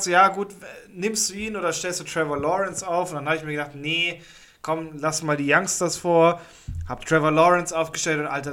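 A man's voice: fairly high pitch, sharp tone. A man co-hosting a casual podcast, rambling and correcting himself with wry humor. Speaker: podcast co-host.

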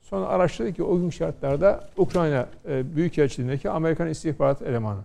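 On a studio panel, a middle-aged man from Konya, Turkey, talks quickly in a slightly high, creaky yet mellow voice. He is a law scholar who lectures and spins stories built around rhetorical questions.

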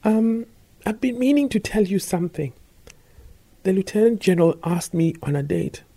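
A woman's voice: mid-range voice, animated, moderate pace, mellow. An actress voicing a playful, dramatic young woman soldier in an audiobook. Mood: teasing. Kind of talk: audiobook dialogue.

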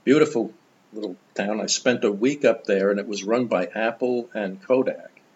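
An older man, a guest in an interview, telling stories in an animated, enthusiastic way. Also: fairly low pitch, moderate pace, lo-fi sound, slight background noise. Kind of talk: conversational storytelling.

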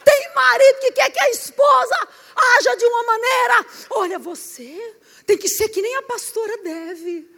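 A Brazilian woman preaching a lively sermon in a church hall, acting out little scenes and rising into shouted emphasis. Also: very high-pitched, unhurried, gravelly. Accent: Brazilian Portuguese. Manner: animated, switching voices, rising into shouted emphasis. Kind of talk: lively sermon with acted-out anecdotes. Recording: reverberant hall.

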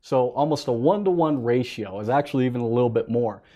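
Man, co-host, blunt brisk talker, mid pitch. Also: dark tone. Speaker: panel co-host. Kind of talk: casual panel discussion.

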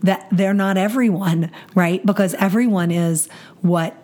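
A woman with a hoarse, raspy voice that is nearly gone, chatting casually and wryly as a pastor co-hosting a podcast. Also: medium pitch, a little slow, warm tone. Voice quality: raspy, husky from voice loss.

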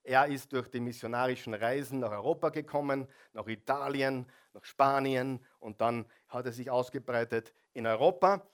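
A man's voice: medium pitch, normal speed, hardly any pauses. Emphatic pastor, man preaching. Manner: emphatic, asks the congregation questions. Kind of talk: sermon.

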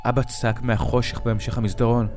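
A man narrating a horror story, dramatic and slowing down at the frightening moments. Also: mid-range voice, flat delivery. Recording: narration over music.

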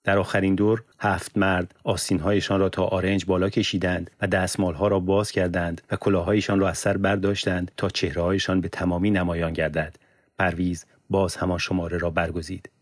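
Deep-voiced man reading an audiobook. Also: level tone, no echo, clean studio sound. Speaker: audiobook narrator. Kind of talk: scripted narration.

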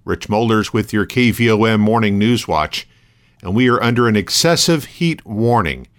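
A man hosting a local radio news program, reading scripted items in a measured, matter-of-fact way. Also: fairly low pitch, animated, smooth.

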